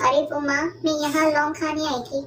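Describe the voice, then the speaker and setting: A woman's voice: high-pitched, little pitch movement, brisk, natural voice. A woman voicing a hungry young daughter-in-law who talks nervously and fibs in a cartoon story. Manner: nervous, fibbing. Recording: echoey room, distant mic, noisy.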